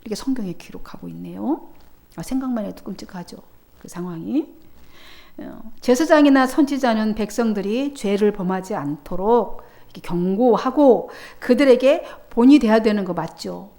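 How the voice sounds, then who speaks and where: 수요 예배에서 설교하는 여성 목사로, 비웃는 사람들의 말을 목소리를 높여 흉내 내며 말한다. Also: female voice, mid-range voice, expressive, normal speed, creaky, mellow. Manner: acts out scoffing quotes with raised voice. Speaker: pastor. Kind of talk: sermon. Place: church.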